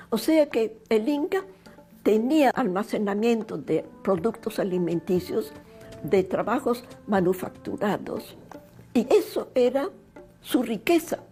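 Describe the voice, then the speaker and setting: Female historian in interview, mellow and slightly high, faint music under. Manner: thoughtful, explanatory, with small hesitations. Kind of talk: interview explanation.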